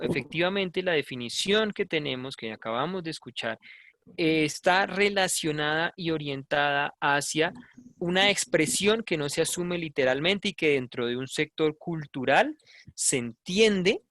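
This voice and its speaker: Giving an online language class, a Colombian man speaks conversationally and frequently uses tag questions to check in. His somewhat high voice is animated, fairly bright, and a little slow, with a bit of hiss or hum in the recording.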